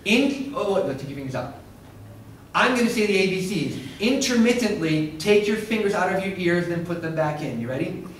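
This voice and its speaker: A middle-aged man presents a workshop lecture, often turning to the audience with questions. His voice sits a little on the high side. He is recorded from a distance in a very echoey room, with a faint hiss behind him. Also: lively intonation, a little fast. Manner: interactive, asks the room questions.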